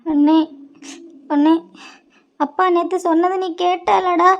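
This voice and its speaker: A woman with a Kanyakumari Tamil accent voicing a hurt, tearful young woman in a cartoon, talking haltingly and repeating words. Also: very high-pitched, steady tone, creaky, muffled recording, exaggerated voice. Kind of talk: cartoon voice acting.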